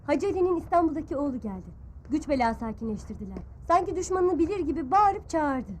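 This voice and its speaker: A woman's voice: sits high, lively intonation, fast talker, slight background noise. An actress playing a chatty local woman puzzled by the news.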